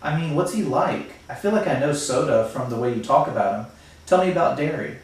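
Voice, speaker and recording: A man's voice: a little high, expressive, brisk. A man reading aloud and voicing a curious teenage girl who asks questions in a coaxing way. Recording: very echoey room, far from mic.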